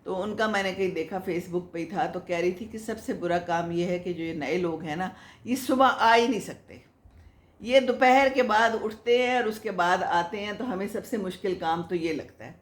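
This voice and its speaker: Chatty older woman in an echoey room. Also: lowish voice. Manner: chatty, motherly, moralizing, laughs often. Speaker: host answering viewer comments. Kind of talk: casual advice talk.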